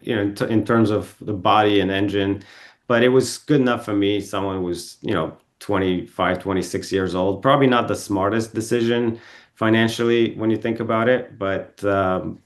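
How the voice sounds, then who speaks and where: Low-voiced man telling stories. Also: fairly even intonation, normal speed. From Bulgaria. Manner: rambling, self-correcting, with frequent ums and restarts. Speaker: podcast guest. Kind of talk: casual storytelling interview. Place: podcast studio.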